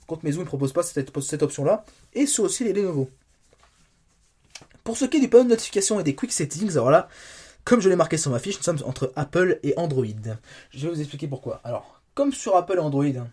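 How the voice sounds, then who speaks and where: A young man rattles through a casual phone review at a rapid clip. His voice sits a bit high, and he rambles and corrects himself as he shows features on screen. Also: warm tone. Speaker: tech reviewer. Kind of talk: casual spoken product review.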